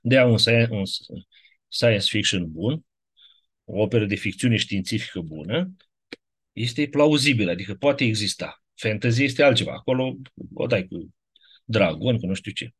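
Husky low-voiced man lecturing. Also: expressive. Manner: digressive, keeps checking in with rhetorical questions. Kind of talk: casual classroom lecture.

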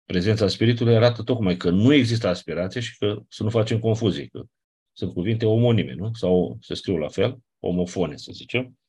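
A man's voice: lowish voice, a little mellow, slightly rough. A man teaching a class, reviewing grammar step by step and often checking in with his students. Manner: patient, checks in with "nu?" and "da?". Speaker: teacher of Ancient Greek.

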